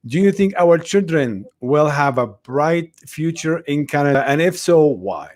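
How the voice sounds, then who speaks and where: A man's voice: fairly high pitch, expressive, unhurried, darkish tone. A man hosting a live chat, who answers with short acknowledgments and reads out viewer questions. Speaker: host.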